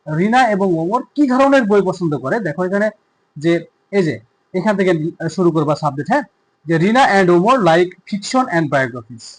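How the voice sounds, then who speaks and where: Bangladeshi male teacher, high voice, reads English slowly and carefully, then explains. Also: poor audio. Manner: slow, careful reading of English lines, then explaining them. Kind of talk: textbook lesson explained in Bengali.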